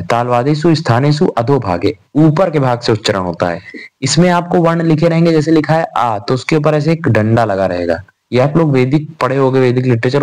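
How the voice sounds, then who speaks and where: A man's voice: medium pitch, darkish tone. Chatty young male grammar tutor. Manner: chatty, addresses students as "bhai", asks and answers his own questions. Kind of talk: informal exam revision lecture.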